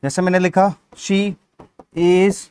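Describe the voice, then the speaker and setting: A man with a Hindi accent speaks slowly in a high but dark, smooth voice with a level tone. Teaching grammar for exam prep, he goes step by step and answers his own questions.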